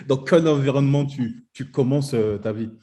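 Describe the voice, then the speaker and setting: A man's voice: mid-range voice, unhurried. A man hosting a casual interview who jokes and laughs often. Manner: relaxed, joking, laughs often. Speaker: interview host.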